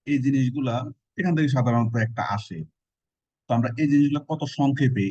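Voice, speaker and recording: A man's voice: medium pitch, warm tone, no echo. A male teacher gives a casual exam-prep lecture, explaining with joking memory tricks and colloquial asides. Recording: dull, dry lo-fi recording.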